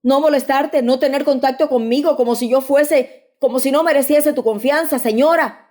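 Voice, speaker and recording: A woman's voice: fairly high pitch, lively intonation, moderate pace, warm tone, voice pushed up, natural voice. Woman reading as a proud, wounded young wife. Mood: tearful, hurt. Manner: tense, tearful protest. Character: proud young wife, scornful then humiliated.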